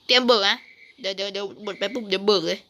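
A woman chatting casually and excitedly while playing a video game, often repeating short phrases. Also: mid-range voice, racing. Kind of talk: excited casual gaming chat. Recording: faint background noise, clicks.

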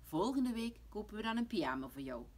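A woman voicing a calm, practical father in a bedtime storybook reading, talking firmly and reassuringly. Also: mid-range voice, a little fast, voice pushed up. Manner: firm, reassuring.

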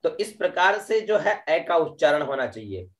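A man teaching Vedic mantra recitation in an online class, explaining each syllable and then chanting the verse in long, drawn-out tones, often checking in with his students. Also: fairly high pitch, sing-song. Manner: tags sentences with "है ना" and "ठीक है".

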